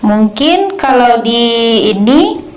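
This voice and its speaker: A woman's voice: a little high, very animated, takes it slowly, a crowd in the background. Woman teacher in an echoey room. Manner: hesitant, many fillers, checks with co-host. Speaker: Quran recitation teacher. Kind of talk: discussing recitation technique.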